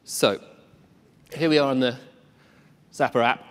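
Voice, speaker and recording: A man's voice: mid-range voice, a little slow. Man demoing on a conference stage. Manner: relaxed, self-deprecating, frequent ums. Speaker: tech presenter. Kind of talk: live conference demo. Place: large conference hall. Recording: long reverb of a large hall.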